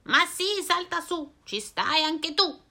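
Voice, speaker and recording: Woman doing a bright cheerful young witch. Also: very high voice, takes it slowly, pitched above the performer's own voice, full character voice. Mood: welcoming. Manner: bright, lively, friendly.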